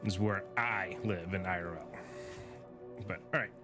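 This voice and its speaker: A tired young man with a fairly low voice chats his way through a game stream, rambling and thinking aloud. Game music plays clearly behind him. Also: measured pace. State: tired, yawning. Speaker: gaming streamer. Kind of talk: casual gameplay commentary.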